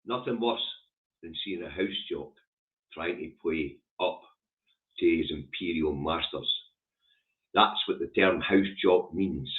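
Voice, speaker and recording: A man with a broad Lanarkshire Scottish accent hosting a casual livestream, chatting and giving blunt, colloquial, sweary commentary on the news. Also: low voice. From Scotland. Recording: thin, phone-like narrow-band sound.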